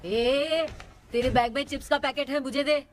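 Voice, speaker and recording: A woman's voice: high-pitched, fairly even intonation, normal speed, lightly acted. A woman in a Hindi dub, playing a chatty, homely mother who teases her son. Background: music.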